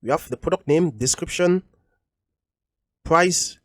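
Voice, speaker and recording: A man's voice: on the high side, unhurried, fairly bright tone, dry recording, studio quality. Patient man walking through code. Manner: explains patiently, repeating points with frequent ums. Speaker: coding tutorial instructor. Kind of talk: screen-recorded coding walkthrough.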